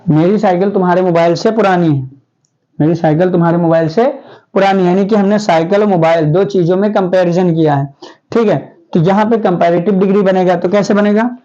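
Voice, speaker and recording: A man's voice: high-pitched, brisk, warm tone, lo-fi sound. A male teacher giving a grammar lesson in a classroom. He keeps asking the class questions and then answers them himself.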